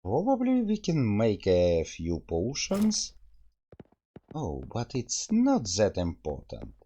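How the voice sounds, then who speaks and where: Man, game walkthrough host, casual commentary, slow pace, animated pitch. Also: slight background noise. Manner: unhurried, reads game text aloud between remarks.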